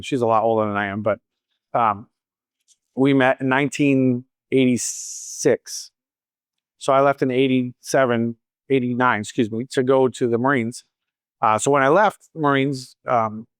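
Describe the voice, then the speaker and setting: At a training event, a salon owner in his fifties from Boston, with a faint local accent, answers audience questions casually and tells stories with wry asides. His medium-pitched voice is clear and resonant. There's no echo, just clean studio sound.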